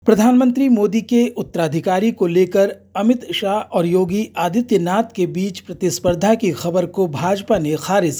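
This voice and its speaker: A news anchor reads the bulletin in a steady, formal way. The voice is warm and mellow with a slightly husky edge. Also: medium pitch. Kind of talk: scripted news narration.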